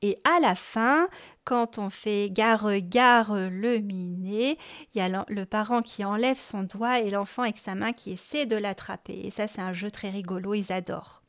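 A woman's voice: medium pitch, brisk, hardly any pauses, a bit bright. A woman hosting a podcast, explaining music lessons for children patiently and step by step, with hesitant fillers as she thinks. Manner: patient, explains step by step, addresses the listener informally. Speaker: podcast host and music teacher.

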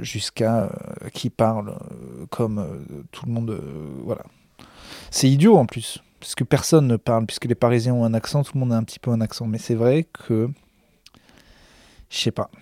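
A stand-up comedian rambling backstage in a self-mocking vlog monologue, full of hesitations, into a handheld recorder. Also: male voice, medium pitch, creaky, dark tone, no echo, clean studio sound. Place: backstage room of a comedy club.

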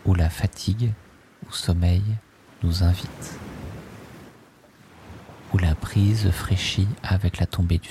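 A man narrating a guided sleep meditation, speaking softly and repeating words in a slow, hypnotic way. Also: low voice, vocal fry. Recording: steady ocean wave noise behind. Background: ocean waves.

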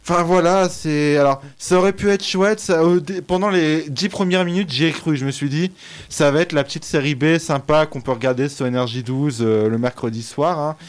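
A young man in his twenties, a film critic tearing into a film with animated, scathing remarks. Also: fairly high pitch, moderate pace. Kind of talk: casual film review chat.

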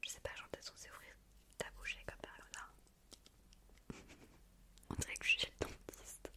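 A woman hosting an ASMR video, whispering breathily right up close in the ear, chatting casually and intimately to one listener. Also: normal speed. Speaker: ASMR video creator and host.

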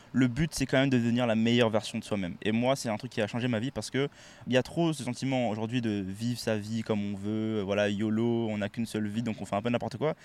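Man, podcast co-host, quick pace, medium pitch, casual chat, code-switching. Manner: relaxed, switches between French and English mid-sentence.

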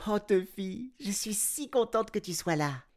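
A man's voice: high voice, animated, measured pace, a little mellow, pitched above the performer's own voice. A man voicing a young girl who pleads tenderly for her lost cat.

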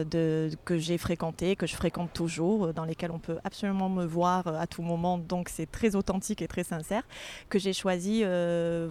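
A woman from Marseille in her thirties, speaking as a guest in a relaxed interview. Her voice sits fairly low, and she talks hesitantly, filling her pauses and restarting her sentences. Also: a little hiss or hum. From Marseille, France. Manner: hesitant, many fillers and restarts. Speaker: author and journalist guest. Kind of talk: casual interview.

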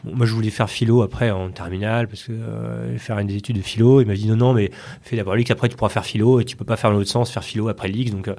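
Speaking low and gravelly with a darkish, fairly even delivery, a Parisian-accented executive in his late thirties takes interview questions on a podcast. He sounds casual and unsure, circling back over the same words and leaning on filled pauses.

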